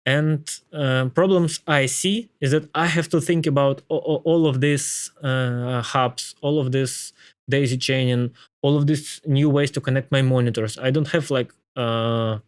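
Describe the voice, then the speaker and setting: A man's voice: medium pitch, steady tone, smooth, no echo, clean studio sound. Man with a thick Slavic accent, thinking aloud. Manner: halting, thinking aloud with frequent repetitions. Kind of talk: casual tech discussion.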